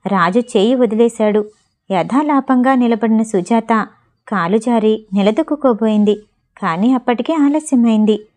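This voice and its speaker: A woman narrating a storybook tale with steady, expressive pacing. Her voice sits a little high but warm and mellow, never sharp. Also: unhurried. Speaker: audiobook narrator.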